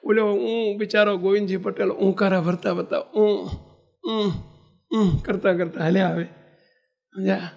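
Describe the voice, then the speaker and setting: Man, storytelling sermon, high voice, gravelly edge, acts out dialogue. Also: moderate pace. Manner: animated storyteller acting out villagers and God in dialogue, with colloquial asides. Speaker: spiritual leader giving a religious discourse.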